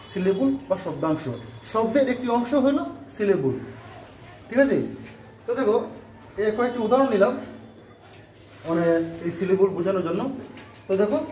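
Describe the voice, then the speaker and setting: A man teaching a grammar lesson to students, explaining patiently, repeating points and often pausing with fillers and asking if they follow. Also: sits high, a little mellow. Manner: repetitive, frequent filler "ah", checks "okay?". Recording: roomy, distant mic, faint background noise.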